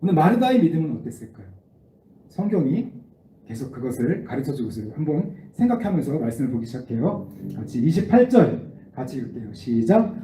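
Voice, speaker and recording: A man's voice: fairly high pitch, a little fast. A man giving a children's sermon, asking the kids questions as he leads them through a Bible passage. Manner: animated, asks the children questions. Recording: echoey room, distant mic, faint noise.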